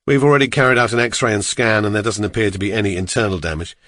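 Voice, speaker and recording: A man reading an audiobook, voicing a calm male doctor who speaks in a matter-of-fact, reassuring way. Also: on the low side, fast, dry recording, studio quality, lightly acted. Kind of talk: audiobook character voice.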